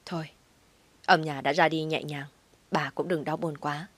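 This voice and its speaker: A woman voicing a sympathetic doctor who speaks softly and consolingly, almost in a whisper. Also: on the high side, fairly even intonation, moderate pace, no echo.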